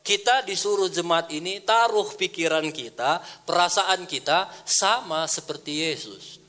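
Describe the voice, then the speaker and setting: A man's voice: high-pitched, a little slow. A middle-aged male pastor with a Karo Batak Indonesian accent, preaching a sermon and telling stories with acted-out dialogue. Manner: animated storytelling, acting out dialogue in a raised voice.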